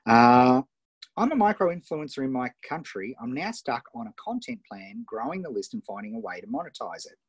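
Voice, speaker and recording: An Australian man hosting a live online coaching session, enthusiastic and firing off quick questions over a video call. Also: medium pitch, sing-song, slightly rough, dry recording. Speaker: host and coach.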